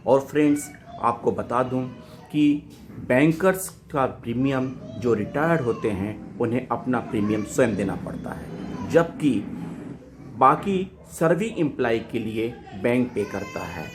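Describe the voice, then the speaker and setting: A man's voice: mid-range voice, lively intonation, measured pace, noisy background. A man hosting a banking channel, addressing viewers as friends and reading out a letter in an informational explainer. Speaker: host of a banking news channel.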